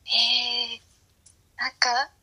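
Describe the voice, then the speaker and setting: A woman's voice: on the high side, monotone, extremely slow, sharp tone, slightly rough, poor audio. A woman in her late teens chatting casually and hesitantly, searching for her words. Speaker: guest looking back on high school. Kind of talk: casual chat.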